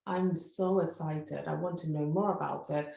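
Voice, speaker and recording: A woman's voice: sits low, fairly even intonation, moderate pace, creaky, dark tone, roomy sound. A woman hosting a podcast interview, effusive and enthusiastic, sometimes stumbling over her words. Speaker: podcast host.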